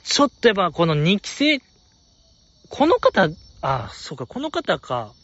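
Animated Kansai-accented man, enthusiastic rambling. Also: high-pitched, a little slow, no echo, highs cut off. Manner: enthusiastic, rambling, lots of fillers. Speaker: podcast host reading listener letters. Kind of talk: casual fan chat.

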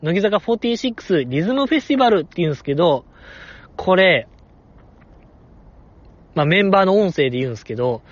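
A man with a Kansai accent, hosting a casual chat and reading listener messages, talking in excitable, exaggerated bursts. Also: sits high, quick pace, long pauses, no room sound, highs cut off.

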